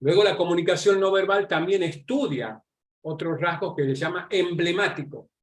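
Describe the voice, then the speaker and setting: Argentine guy teaching an online class, bit high pitched, keeps checking everyone's following along. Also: normal speed. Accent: Argentine Spanish. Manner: checks in constantly with the audience, conversational and explanatory. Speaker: lecturer on nonverbal communication. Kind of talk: live online class lecture.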